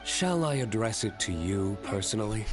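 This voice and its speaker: A man's voice: fairly low pitch, lively intonation, moderate pace, music in the background, natural voice. An actor voicing a stern, aloof male winery owner in a game who speaks curtly and coldly. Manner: curt, cold, clipped. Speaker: game character. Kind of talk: game voice acting.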